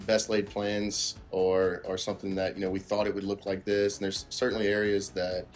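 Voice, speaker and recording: A man's voice: lowish voice, monotone, normal speed, faint music behind. A man giving casual interview answers in a dry, understated way. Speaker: homeowner being interviewed.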